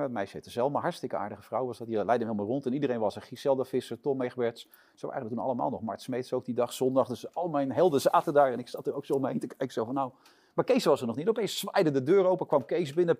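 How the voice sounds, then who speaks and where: A man tells a story at a quick clip, his voice jumping up whenever he acts out someone shouting. He sits as the guest in an interview and keeps the tale rolling. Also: medium pitch. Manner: lively storyteller acting out shouted quotes. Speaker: interview guest, sports presenter. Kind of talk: animated anecdote telling.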